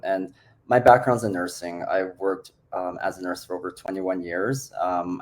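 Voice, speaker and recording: Male coach born in the Philippines, very low voice, relaxed and filler-heavy, on a video call. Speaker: business coach. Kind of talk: casual online group call.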